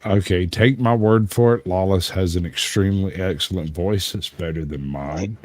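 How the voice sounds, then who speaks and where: Low-voiced, profane man hosting a stream. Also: normal speed, no echo. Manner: profane, bantering. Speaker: livestream host. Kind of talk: casual group stream chat.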